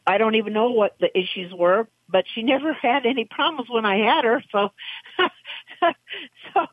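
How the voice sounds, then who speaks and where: Over a tinny, dry phone line, a woman racehorse trainer gives an interview at normal speed. She talks emotionally and rambles, her voice jumping high whenever she gets excited.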